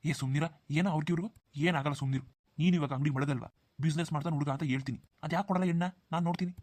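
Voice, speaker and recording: A brisk, generous young village man in a cartoon, voiced by a man. He talks fast and hushes worries away in a reassuring, slightly lower voice. The recording is dry and close. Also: fairly even intonation, no echo, close to an everyday voice. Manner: brisk, dismissive of worries, hushing. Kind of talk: Kannada cartoon dubbing.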